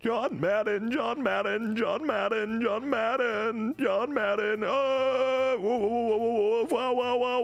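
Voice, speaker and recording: A man imitating a flat text-to-speech robot voice by talking while breathing in, slow and stilted, word by word. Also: extremely high pitch, lo-fi sound, pitched above the performer's own voice, heavily acted. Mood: robotic chant. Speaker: livestreamer.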